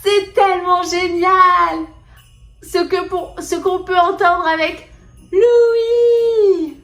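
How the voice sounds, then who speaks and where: A woman hosting a children's learning video, talking slowly to toddlers in an exaggerated sing-song way with gushing exclamations. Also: extremely high pitch, steady tone. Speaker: children's educational host. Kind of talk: slow, exaggerated talk to toddlers. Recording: roomy sound with soft background music.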